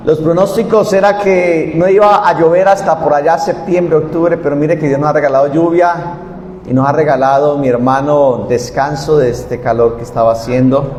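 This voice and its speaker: A high-voiced male pastor preaching at a church service, his voice ringing through a reverberant hall. He shifts from loud, repeated declarations to calm, conversational teaching. Faint room noise hangs in the background. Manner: often says "mi hermano". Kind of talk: sermon. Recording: echoey hall, some distance from mic.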